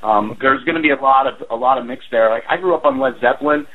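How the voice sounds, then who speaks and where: A drummer in his forties, a guest on a radio interview, talks earnestly and rambles with lots of fillers over a tinny phone line. His voice is medium-pitched and fast.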